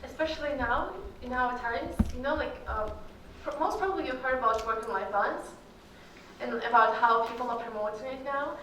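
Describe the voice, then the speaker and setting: Answering student questions at an alumni Q&A, a young woman from Kyrgyzstan speaks casually with many fillers; her first language is Russian. Her fairly high, bright voice has a forceful tone and moves a little fast. A far-off mic in a big echoing hall picks her up, with a little hiss or hum.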